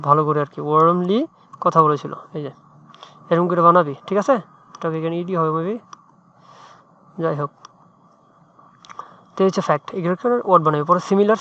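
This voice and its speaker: A man's voice: high voice, bright, forceful tone. A man tutoring English in a chatty, informal way, often checking in with "right?". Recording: muffled dry lo-fi mic.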